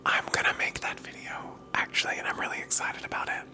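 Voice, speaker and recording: A close, breathy ASMR whisper, candid and rambling. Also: quick pace. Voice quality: breathy whisper, occasionally soft-spoken. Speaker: ASMR content creator. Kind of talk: whispered ASMR vlog, casual chat. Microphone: clip-on wireless microphone, held close.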